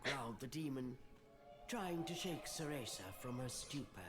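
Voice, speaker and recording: A woman's voice: very deep voice, moderate pace. A woman reading scripted storybook narration for a game, voicing the dialogue as she goes. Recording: behind game music. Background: game music.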